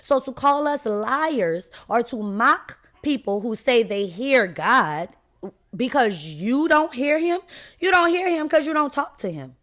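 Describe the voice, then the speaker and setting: A woman's voice: high-pitched, lively intonation, a little slow, fairly bright tone. A woman hosting a faith podcast, talking unscripted and emphatically, and addressing listeners directly as y'all in a preachy tone. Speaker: podcast host.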